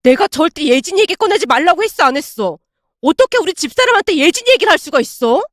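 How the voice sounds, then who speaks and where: A woman's voice: very high-pitched, sing-song, quick pace, no room sound, studio quality, exaggerated voice. A woman voicing a hot-tempered young husband who bursts out in anger. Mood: angry. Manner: heated, shouting outbursts.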